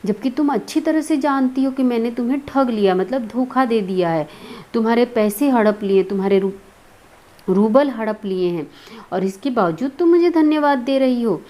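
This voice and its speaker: A woman voicing an angry male master of the house who scolds loudly, nearly shouting. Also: fairly high pitch, animated, moderate pace, close to an everyday voice. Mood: furious.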